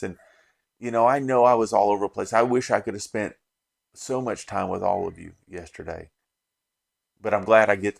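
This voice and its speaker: Gravelly-voiced middle-aged man rambling. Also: fairly low pitch. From Las Vegas, USA. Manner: rambling, restarts sentences, heartfelt. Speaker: bourbon channel host. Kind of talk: casual vlog recap.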